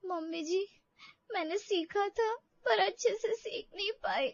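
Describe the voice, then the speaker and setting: A woman's voice: very high-pitched, steady tone, moderate pace, no echo, dull audio. A woman voicing a timid young bride in a cartoon story, speaking hesitantly and respectfully. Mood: tearful. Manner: hesitant, respectful, addresses her elder as "mummy ji". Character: young new bride, timid and eager to please. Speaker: cartoon character.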